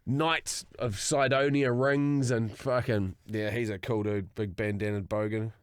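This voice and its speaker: Male co-host, broad New Zealand accent, on the low side, casual sweary banter, close dry sound. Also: steady tone, a little slow, clean tone, no room sound. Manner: sweary, slangy, joking. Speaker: podcast and radio co-host.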